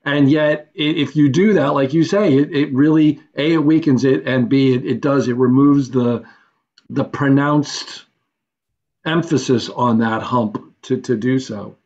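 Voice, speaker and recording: A man's voice: mid-range voice, measured pace, darkish tone, highs cut off. A man hosting a carving session on a video call, thinking aloud and rambling with frequent restarts. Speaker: host of a carving challenge. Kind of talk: casual video-call discussion.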